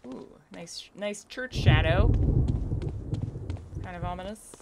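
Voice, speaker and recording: A young woman streams a video game, casually commenting and playfully thinking out loud to herself. She has a lowish voice and talks slowly. The live stream audio is clearly noisy and full of clicks.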